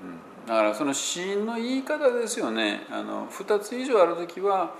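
A man's voice: high-pitched, wildly swooping pitch, moderate pace, vocal fry. A man with a Kansai Japanese accent, teaching English pronunciation in a casual spoken explanation and working through examples with many fillers. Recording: echoey room with faint background noise.

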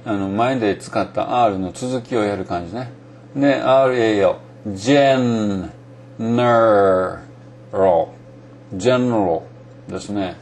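A man's voice: lowish voice, darkish tone. Kansai guy teaching english sounds, rambly, lots of ums, faint room noise. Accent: Kansai Japanese. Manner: rambling, thinks aloud with many fillers. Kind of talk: casual spoken lesson.

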